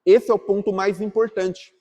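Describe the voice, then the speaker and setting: A man's voice: high voice, flat delivery, normal speed, mellow. A man teaching a class at church, talking casually and asking the group questions. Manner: asks the group questions, calling on people by name. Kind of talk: interactive class talk.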